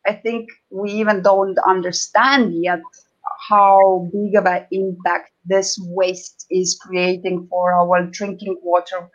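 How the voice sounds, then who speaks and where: A woman from Estonia, speaking with an Estonian accent, is a guest in an interview. Her mid-range voice comes through with the highs cut off, and her answers are conversational and halting, full of pauses and repeated words.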